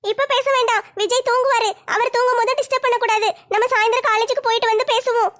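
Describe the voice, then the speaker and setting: A woman voicing a cheerful, naive young college girl talking excitedly to herself in a cartoon. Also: very high voice, fast talker. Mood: happy. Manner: bright excited self-talk.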